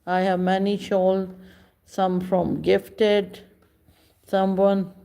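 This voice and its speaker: A woman, chatting casually with viewers on a livestream in slow, halting speech with many pauses. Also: mid-range voice, little pitch movement, creaky, warm tone. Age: 50s. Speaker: livestream host. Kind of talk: casual live chat with viewers.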